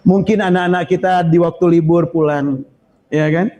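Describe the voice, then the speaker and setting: A man's voice: a little high, normal speed. A man preaching a sermon to parents, telling humorous stories and urging patience. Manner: storytelling, humorous, animated exhortation. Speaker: Islamic preacher.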